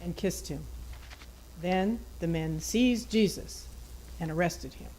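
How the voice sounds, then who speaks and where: A woman's voice: fairly low pitch, slow pace, dark tone, low-quality recording. A woman reading a gospel passage formally as a church reader. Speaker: scripture reader at a Good Friday service.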